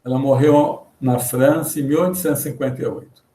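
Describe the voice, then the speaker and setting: A man's voice: medium pitch, steady tone, mellow. Earnest Brazilian man lecturing, echoey room. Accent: Brazilian Portuguese. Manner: earnest, halting with repeated fillers. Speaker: spiritist lecturer. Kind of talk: religious lecture with read-out passages. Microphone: computer mic in a video call. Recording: roomy echoey video-call audio.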